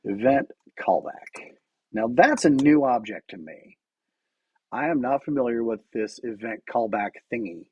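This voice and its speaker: On a lo-fi stream, a man with an animated, mid-range voice, slightly mellow with a breathy edge, codes at a measured pace. He thinks out loud while typing, often starting sentences over and using fillers.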